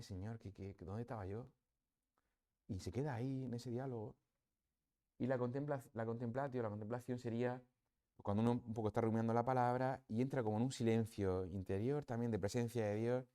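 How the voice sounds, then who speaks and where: A man's voice: on the low side, mellow. A man with a Spanish accent giving a parish talk on prayer, conversational and reflective, often adding tag questions. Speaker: priest. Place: parish hall or church.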